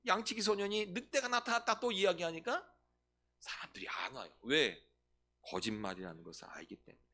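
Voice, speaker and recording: A man's voice: on the high side, wildly swooping pitch, a little fast, bright, forceful tone. A male pastor preaching a sermon, often putting questions to the congregation and answering them himself. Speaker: senior pastor.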